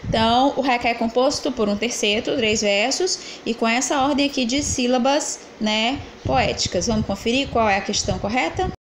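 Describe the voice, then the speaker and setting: A woman's voice: a little high, moderate pace, hardly any pauses, slight background noise, poor audio. A woman teacher correcting exercises in a lesson, asking the class questions and answering them herself as she counts syllables aloud.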